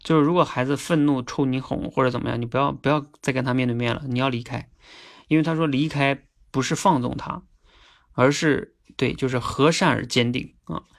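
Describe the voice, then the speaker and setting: A man hosting a casual livestream, chatty and earnest, often checking in with listeners through quick tag questions. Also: mid-range voice, fairly even intonation, gravelly. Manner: earnest, sometimes emphatic. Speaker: livestream host.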